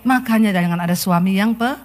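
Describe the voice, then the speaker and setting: A woman's voice: mid-range voice, fairly quick, slight background noise. A middle-aged woman pastor preaching a sermon, telling stories and acting out the quotes. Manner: lively storytelling sermon, acts out quotes.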